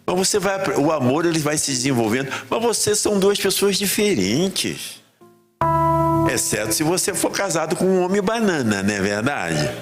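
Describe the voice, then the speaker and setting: A man's voice: fairly high pitch, normal speed. A man with a Rio de Janeiro accent, a pastor preaching a sermon and telling funny stories. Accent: Rio de Janeiro Portuguese. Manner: humorous storytelling, animated. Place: church hall. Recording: echoey church hall. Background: music.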